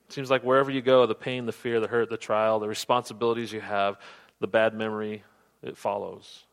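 A man preaching a sermon, earnest, often dropping to soft, low tones for emphasis. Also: little pitch movement, fairly quick, smooth. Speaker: pastor.

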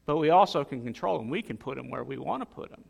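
A man's voice: mid-range voice, expressive, quick pace, vocal fry, slightly rough, big-room sound. A man preaching a sermon in a conversational way, with frequent fillers and restarts. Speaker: pastor.

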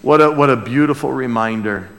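At a slightly fast pace, a pastor with a medium-pitched voice gives a conversational Bible teaching with call and response. Earnest and exclamatory, he keeps repeating phrases for emphasis while his voice rings in the long reverb of a large room.

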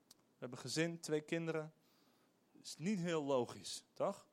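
A middle-aged pastor preaches a sermon with animated emphasis and frequent hesitations. His voice is a little high, and he takes his time.

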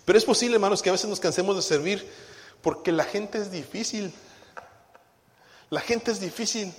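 A pastor preaching to his congregation in a fairly high voice, swinging from quiet asides to loud bursts. He acts out short quoted voices as he goes. The sound rings with a long reverb of a church hall. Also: normal speed. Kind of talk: sermon.

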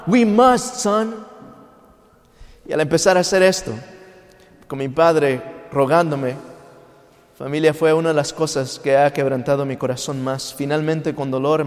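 A man's voice: medium pitch, darkish tone. A man from Mexico preaching a sermon with a personal testimony, telling it with emotion and acting out the voices in his story. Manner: emotional storytelling, acts out quoted voices, mixes in English. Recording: long hall reverb.

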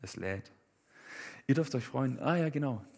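A man's voice: medium pitch, animated, unhurried, vocal fry, a little mellow. A man preaching a casual sermon in a conversational way, with many fillers and rhetorical questions.

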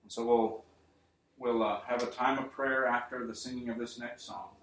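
A male preacher giving an earnest sermon to his congregation, building up to emphatic points and then easing into quiet appeals. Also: medium pitch, fairly even intonation, normal speed, a little hiss or hum. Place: church. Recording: roomy church sound, mic at a distance.

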